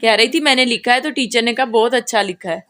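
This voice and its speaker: A mother filming a casual home vlog, her voice sitting a little on the high side. She talks in a chatty, easygoing way, speaking straight to her viewers. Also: fast, bright, forceful tone. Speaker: vlogger and mother.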